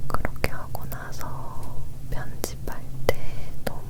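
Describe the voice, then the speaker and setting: Young female ASMR creator, leaning in with an unhurried whisper, casual chat delivered close to the mic. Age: young adult. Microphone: close recorder microphone.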